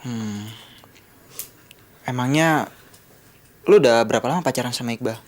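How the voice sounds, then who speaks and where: A man's voice: mid-range voice, moderate pace, natural voice. An actor playing a young man who coaxes a friend in casual slang. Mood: coaxing. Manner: casual, coaxing.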